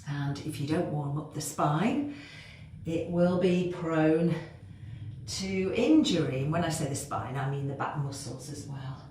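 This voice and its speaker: A woman's voice: deep voice, measured pace, darkish tone. A woman fitness instructor cueing moves as she exercises along, growing out of breath. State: getting out of breath. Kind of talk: workout instruction. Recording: very echoey room, faint noise.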